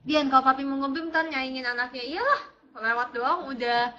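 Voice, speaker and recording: A woman's voice: high-pitched, normal speed, sharp tone. A young woman with a Jakarta Indonesian accent and a slurred r, chatting playfully as she answers viewers on a casual livestream. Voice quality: slurred r (cadel). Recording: slightly dull lo-fi stream audio.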